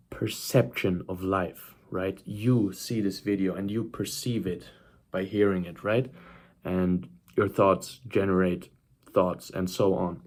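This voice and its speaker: A self-improvement vlogger, a nineteen-year-old man with a lowish, darkish voice, gives a casual motivational talk to camera. He speaks emphatically, repeats himself and keeps checking in with the listener.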